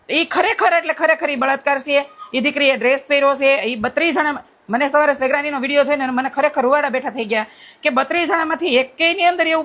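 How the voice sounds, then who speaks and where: Blunt, high-voiced woman. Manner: blunt, forceful, defiant tone; repeats rhetorical "right?" checks. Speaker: vlogger addressing critics. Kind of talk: impassioned direct-to-camera monologue.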